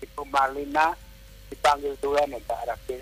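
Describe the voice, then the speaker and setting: A man's voice: fairly high pitch, wildly swooping pitch, normal speed, creaky, a bit bright, breathy edge, soft background music. A man calling in to a radio show over a crackly phone line that cuts in and out, answering in short, clipped words. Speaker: radio caller. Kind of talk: call-in chat.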